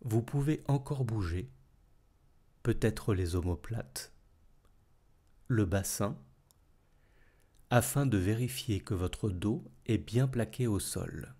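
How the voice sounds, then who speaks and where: The speaker is a man instructing a guided yoga nidra relaxation, with a somewhat low, slightly rough voice. His delivery is soothing and calm, paced in measured phrases with long silences.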